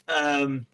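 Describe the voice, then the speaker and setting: A male game master narrating a tabletop game in a slow, halting, casual way, full of fillers and restarts. His pitch sits at a middling level, and faint music plays behind him. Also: bright, forceful tone, smooth.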